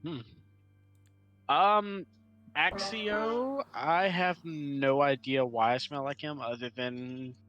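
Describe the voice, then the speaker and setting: A man's voice: on the high side, slow, highs cut off. A man playing a tabletop role-playing game, improvising casually and thinking aloud in a hesitant way. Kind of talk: casual in-character improvised chat. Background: music.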